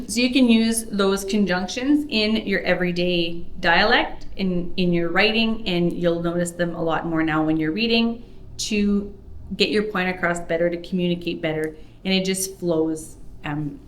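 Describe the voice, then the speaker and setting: A woman with a Canadian accent teaching a French lesson, pronouncing each example slowly and carefully. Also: lowish voice. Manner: slow, careful pronunciation of example sentences. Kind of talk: spoken language lesson.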